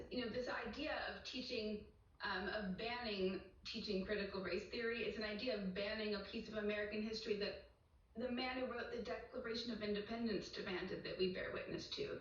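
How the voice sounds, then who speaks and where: A woman poet joins a television interview over a remote call. She speaks with fervent, rhythmic conviction and stacks up repeated phrases. Her voice sounds far from the mic, roomy and somewhat muffled. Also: medium pitch. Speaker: guest poet and author. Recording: echoey and distant, dull band.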